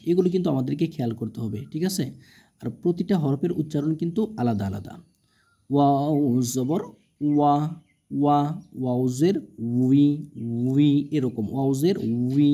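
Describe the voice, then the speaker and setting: Dark-voiced man teaching slow recitation. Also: fairly high pitch, slightly rough. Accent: Bangladeshi Bengali. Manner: drawn-out syllables, patient explaining, asks "ঠিক আছে?". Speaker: Quran reading teacher. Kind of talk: slow step-by-step recitation lesson.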